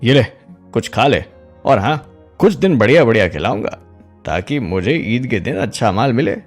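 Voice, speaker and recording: A man's voice: mid-range voice, lively intonation, moderate pace, soft background music, lightly acted. A man voicing a greedy, scheming young man who coaxes and schemes in a cartoon story. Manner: coaxing, sly.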